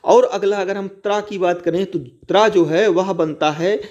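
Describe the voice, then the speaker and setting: A man teaching an exam-prep grammar lesson, explaining step by step, repeating his phrases and slowly sounding out syllables to demonstrate pronunciation. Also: high-pitched, darkish tone, muffled recording. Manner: explains step by step, repeats phrases, often addresses viewers as friends.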